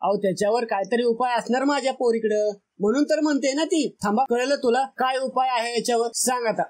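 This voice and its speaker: Man voicing scheming middle-aged man, wheedling, flattering, bossy, high voice. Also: a little fast.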